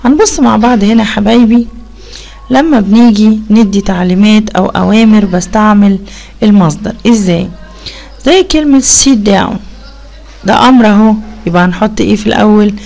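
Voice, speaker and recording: A woman's voice: medium pitch, creaky, a little mellow. Patient woman teaching children English. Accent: Egyptian Arabic. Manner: patient, praising, asks children questions; repeats English words slowly for the class. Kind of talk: explaining a primary-school English lesson.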